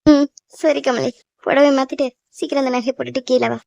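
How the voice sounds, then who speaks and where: A woman's voice: high-pitched, steady tone, a little fast, gravelly, darkish tone, no room sound. A woman voicing a worried, loving cartoon mother who fusses and pleads with her newly married daughter. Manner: fussing, emotional, pleading. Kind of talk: cartoon voice acting.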